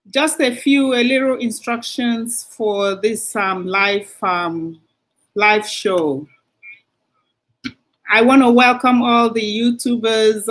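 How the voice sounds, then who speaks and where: A woman hosting a live stream, warmly greeting viewers one by one by name. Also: mid-range voice. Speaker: livestream host. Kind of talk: casual livestream greeting.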